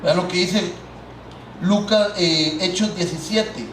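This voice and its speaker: A man's voice: sits high, slow pace, fairly bright tone, far from the mic, slight background noise. A man, preaching a sermon and talking directly to the congregation. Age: 30s. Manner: conversational, addresses the congregation directly. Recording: echoey hall, mic set back.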